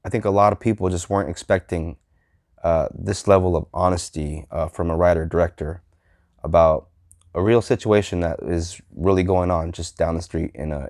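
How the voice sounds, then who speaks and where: A man in his thirties reviewing movies in a casual vlog, halting and full of fillers and restarts. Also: low voice, darkish tone, dry recording, studio quality.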